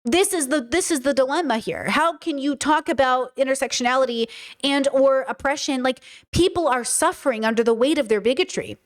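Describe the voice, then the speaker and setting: This high-voiced woman with a Californian accent speaks briskly and emphatically to viewers of her commentary video. Her opinionated monologue features frequent repeated words while she works out her thoughts.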